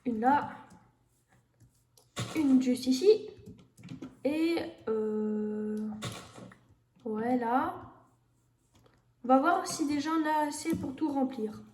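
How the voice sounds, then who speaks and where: A woman's voice: sits high, very slow, long pauses, darkish tone. A woman giving casual gameplay commentary, thinking aloud with many fillers and talking to her viewers. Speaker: gamer streamer. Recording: echoey room with faint noise.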